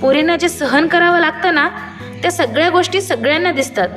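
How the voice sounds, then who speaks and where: A woman's voice: extremely high pitch, fairly quick, fairly bright tone, faint music behind. A woman playing an earnest, lecturing young woman. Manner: explaining, earnest. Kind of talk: amateur stage skit.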